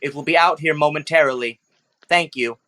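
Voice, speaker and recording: A man's voice: fairly high pitch, fairly quick, pushed and bright. A man running a tabletop game, voicing a polite little robotic butler who formally announces dinner. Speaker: game master.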